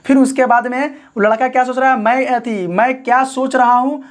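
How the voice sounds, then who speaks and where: A male English grammar teacher giving a lesson. He asks questions and answers them himself, slows down to spell out example sentences, and adds joking asides. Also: very high-pitched, fairly even intonation. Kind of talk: classroom-style grammar lesson.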